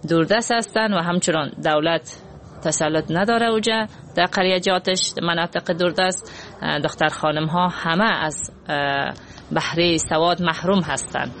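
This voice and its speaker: Concerned Afghan man, slightly high voice. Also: fairly bright tone, slight background noise. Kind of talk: interview answer.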